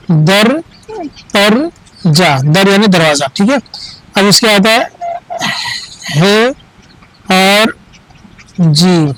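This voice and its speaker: A man's voice: high-pitched, fairly bright tone, rough recording. A man teaching a reading lesson, patiently spelling out words letter by letter and drilling short phrases.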